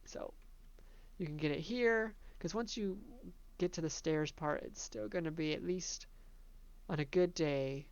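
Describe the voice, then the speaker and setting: A woman casually narrating a tour of her own theme park, chatty and relaxed, laughing between remarks. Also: low-pitched, unhurried, no room sound, muffled recording.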